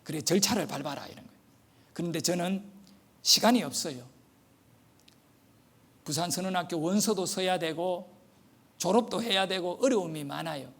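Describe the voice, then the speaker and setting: A man's voice: sits high, normal speed, pauses often, a bit bright. A man preaching a sermon as pastor, telling a story animatedly and acting out the voices in it.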